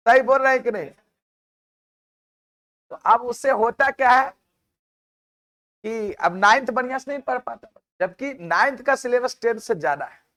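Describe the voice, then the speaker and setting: A man with a noticeably high voice and a Bihari Hindi accent teaches a math class. He talks in a chatty way, scolds his students and keeps asking rhetorical questions. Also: lively intonation, normal speed, long pauses, sharp tone. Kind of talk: classroom lecture with side talk.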